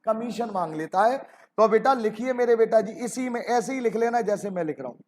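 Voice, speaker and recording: A man's voice: high voice, lively intonation, fairly quick, a little mellow, a little hiss or hum. A man teaching an accounting lesson, fondly calling students "beta ji" and asking rhetorical questions.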